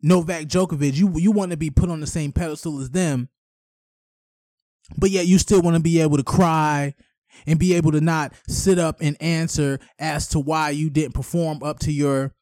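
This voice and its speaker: High-voiced man ranting profanely. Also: dark tone, dry recording, studio quality. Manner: profane, rambling, stumbles over words. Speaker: podcast host. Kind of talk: solo podcast rant.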